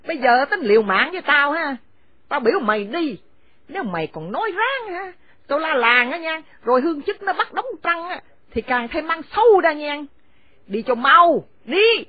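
A high, wildly swooping old matriarch spits insults in a rage, as a woman puts her on. The voice comes across dry and thin, as if over a phone line. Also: very animated, normal speed, no room sound. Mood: furious scolding. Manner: screaming insults, shrill and scornful. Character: furious elderly mother-in-law, harsh and domineering. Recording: dry, phone-like narrow sound.

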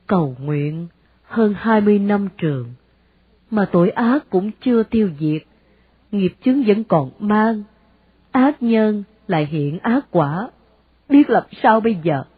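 A woman with a Southern Vietnamese accent voicing an anguished, devout older mother who implores her son, in a husky voice. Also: mid-range voice, animated, a little slow, dry recording, narrow, tinny audio. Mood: despairing. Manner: imploring, sighing exclamations.

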